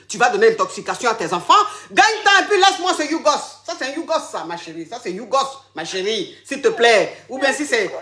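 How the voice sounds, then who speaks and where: A woman's voice: high-pitched, a bit bright, echoey room. Flamboyant woman comic coach. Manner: flamboyant, teasing, calls everyone darling. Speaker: comic agony-aunt coach. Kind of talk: comic phone-in advice sketch.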